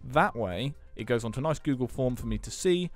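Casting: male podcast co-host, chatty and joking, average pitch, faint music underneath. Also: animated, fairly quick. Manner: chatty, self-deprecating, jokey asides. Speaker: podcast co-host, school tech staff. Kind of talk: casual podcast chat.

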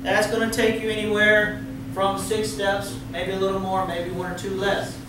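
In a completely flat, moderately paced delivery, a middle-aged man with a Texan accent and a high-sitting voice trains umpires in a large meeting room, coaching, questioning the audience and offering folksy humor. Background noise is present, and a distant room camera with no visible mic records him in very echoey sound.

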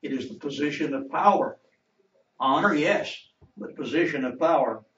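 A man's voice: on the high side, expressive, normal speed, a bit bright. Man teaching a Bible class, from afar. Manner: asks the class questions and waits for answers. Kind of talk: interactive Bible lesson. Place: church classroom. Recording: roomy, distant, dull church recording.

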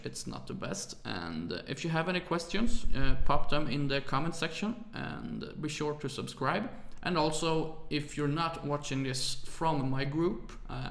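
This screen-recorded software tutorial comes from a music production tutor who is worn out late at night. His gravelly voice is fairly high and a bit bright, with a roomy sound, and he speaks hesitantly with many "uh" fillers while apologizing for his English.

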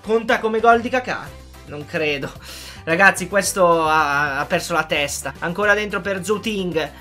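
A woman giving live, excitable commentary over her own football gameplay, yelling at goals and chatting to viewers. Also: on the low side, unhurried, soft background music. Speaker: gaming video creator.

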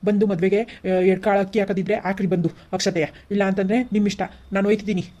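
A woman's voice: medium pitch, fairly even intonation, very fast, dark tone, close to an everyday voice. A woman voicing a grown son in a cartoon family drama, soothing and urging his mother. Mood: defiant. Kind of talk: cartoon voice acting.

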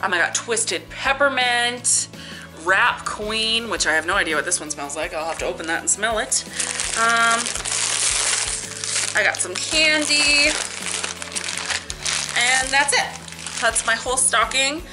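Her voice sits on the high side, unhurried and pausing often, with music in the background and poor audio. A young Canadian beauty and family vlogger with a cold, she chats sniffly but upbeat to a camera close in front, using many "likes" and "ums." She sits indoors in her living room before a lit Christmas tree.

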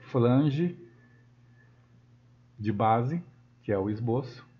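A Brazilian man with a Brazilian Portuguese accent gives a screen-recorded software tutorial, thinking aloud as he works and correcting himself often. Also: mid-range voice, lively intonation, drawn-out words. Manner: thinks aloud while working, with frequent self-corrections. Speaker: software instructor. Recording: dull lo-fi sound.

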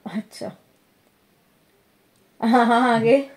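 A woman's voice: on the high side, steady tone, slow, darkish tone. A woman in a casual argument with her husband, blunt and insistent, demanding that he speak straight. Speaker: wife in a prank video.

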